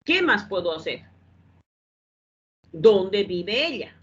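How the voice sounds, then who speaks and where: In a classroom explanation, a woman teaches an English grammar lesson, patiently going over each step again and asking if the class has understood. Her mid-range voice is very animated, slow and a bit bright. The recording sounds dull and lo-fi, with a faint hum in the background.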